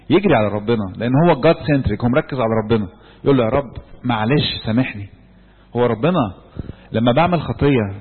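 A man's voice: mid-range voice, slightly rough. A man with an Egyptian Arabic accent giving a church talk, questioning his listeners and answering himself. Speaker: church speaker. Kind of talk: sermon-style talk to a group. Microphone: handheld microphone. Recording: echoey hall on a tinny phone-like recording.

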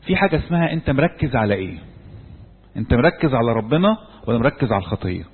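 A man's voice: mid-range voice, very animated, rapid-fire, breathy edge. A man with an Egyptian Arabic accent giving a church talk, questioning his listeners and answering himself. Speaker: church speaker. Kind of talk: sermon-style talk to a group. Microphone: handheld microphone. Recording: echoey hall on a tinny phone-like recording.

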